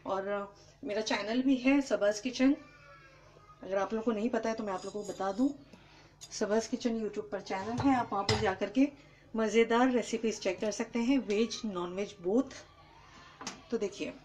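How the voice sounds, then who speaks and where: A woman's voice: medium pitch, normal speed, darkish tone, a little hiss or hum, rough recording. A woman hosting a live cooking demonstration, chatting with viewers and greeting them by name as she cooks in a kitchen. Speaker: cooking host. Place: home kitchen.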